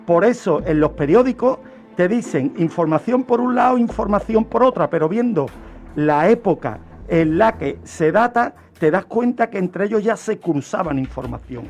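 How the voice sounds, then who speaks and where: A man with a Spanish accent, a true-crime contributor on a radio show, explains a crime story in a didactic fashion full of rhetorical questions. His high-sitting, slightly mellow voice is expressive at a moderate pace, and music plays behind it.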